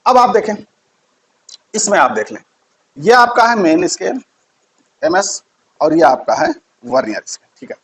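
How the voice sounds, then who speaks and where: A man's voice: a little high, sing-song, unhurried, pauses often, poor audio. A man giving a physics lesson, repeating key terms and quizzing his students. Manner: repeats key terms, asks quiz questions. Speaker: teacher.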